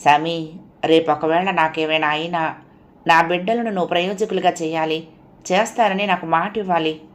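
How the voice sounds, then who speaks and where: A woman voicing a frightened, devoted family man shaken by a nightmare, pleading and agitated, her voice raised and louder. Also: on the low side, fairly even intonation, moderate pace, lightly acted. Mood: fearful, pleading.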